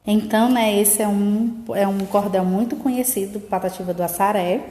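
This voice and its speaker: A woman teacher gives a lesson in an explanatory tone, often checking in with quick tag questions. Her voice sits at a middle pitch. The recording rings with echo, and a long reverb trails after her words. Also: steady tone, dark tone. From Northeast Brazil. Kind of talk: remote school lesson. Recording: echoey room with long reverb.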